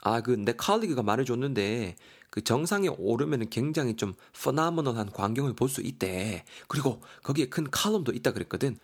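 A man's voice: medium pitch, expressive, moderate pace, few pauses, husky. A man voicing a bossy young female hiker who scolds and coaxes her tired friend. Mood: coaxing. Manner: scolding, coaxing.

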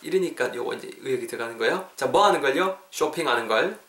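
A man hosting a podcast English lesson, lively and playful, drilling phrases over and over. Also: mid-range voice, fast talker, reverberant. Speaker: English teacher, podcast host.

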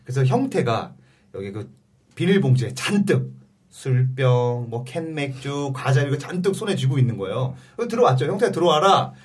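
A man hosting a talk show, introducing a guest with brisk teasing remarks. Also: medium pitch, sing-song, a little mellow, slightly rough. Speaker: host. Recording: noisy, mic at a distance.

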